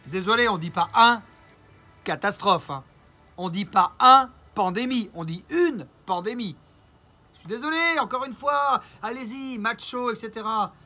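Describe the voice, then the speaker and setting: High bright-voiced man ranting. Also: expressive, measured pace, soft background music. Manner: mocking, rambling, theatrical asides. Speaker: YouTuber. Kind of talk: casual vlog rant.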